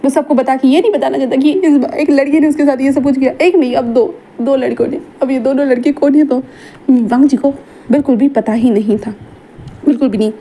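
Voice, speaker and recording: A woman's voice: high voice, fairly even intonation, a little fast, dark tone. A woman casually narrating a fanfiction story, rambling and correcting herself as she goes. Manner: rambling, repeats and self-corrects.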